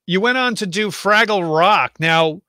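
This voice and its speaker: A man's voice: high-pitched, a little slow, bright, forceful tone, no room sound. A man hosting an online interview show, chatty and jokey, with lots of fillers. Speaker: podcast host. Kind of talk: casual interview chat.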